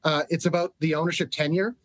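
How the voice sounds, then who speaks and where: A man's voice: on the high side, fairly even intonation, quick pace, a bit bright. A man speaking as an expert guest in a news interview, analytical, emphatic and conversational.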